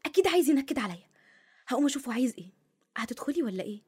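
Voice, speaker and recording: A woman's voice: high voice, expressive, rapid-fire, a little mellow, breathy edge, exaggerated voice. A woman in her twenties with an Egyptian accent playing a dramatic, complaining young wife. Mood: exasperated. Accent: Egyptian Arabic. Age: 20s.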